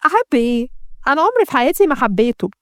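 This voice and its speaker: A woman's voice: sits high, very animated, racing, fairly bright tone, no echo, clean studio sound. A woman with an Egyptian accent voicing a cruel, scheming young wife who taunts her captive in a sneering, mocking way. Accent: Egyptian Arabic.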